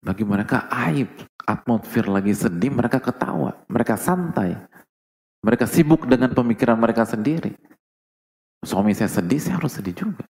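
A man preaching a sermon to a live audience, asking rhetorical questions and swinging between soft asides and loud emphasis. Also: mid-range voice, expressive, moderate pace, gravelly. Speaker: Islamic preacher.

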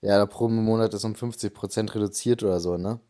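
A man's voice: fairly low pitch, steady tone, fast, dark tone. A man co-hosting a podcast, chatting loosely and ranting with many fillers. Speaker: podcast co-host. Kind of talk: casual chat.

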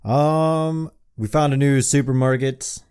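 A man's voice: mid-range voice, fairly even intonation, takes it slowly, darkish tone, clean tone. A man co-hosting a casual podcast, blunt and teasing, swearing constantly. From lives in Hawaii. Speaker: podcast co-host. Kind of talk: casual chat.

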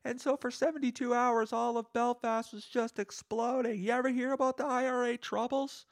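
A man putting on a squeaky, breathless voice for an overexcited young man ranting at a stranger in a bar. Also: little pitch movement, moderate pace. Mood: manic. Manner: squeaky, breathless barroom rant.

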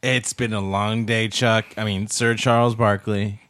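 A man co-hosting a comedy podcast in casual chat, wry and deadpan, turning excitable now and then. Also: fairly low pitch, unhurried, dry recording, studio quality. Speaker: podcast co-host.

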